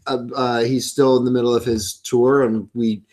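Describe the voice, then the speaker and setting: A man's voice: mid-range voice, flat delivery, moderate pace, a little mellow. Chatty laid-back male guest. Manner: chatty, rambling with fillers, laughs. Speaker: guest musician. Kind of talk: casual interview chat.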